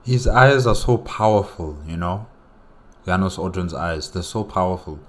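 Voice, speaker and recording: Very deep-voiced, casual male commentator. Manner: halting, repetitive, emphatic. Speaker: reaction video host.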